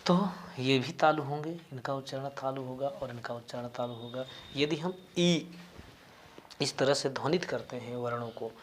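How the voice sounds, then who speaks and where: A man teaching a grammar lesson, explaining slowly and deliberately and spelling out individual sounds one by one. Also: medium pitch, slight background noise. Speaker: Sanskrit teacher.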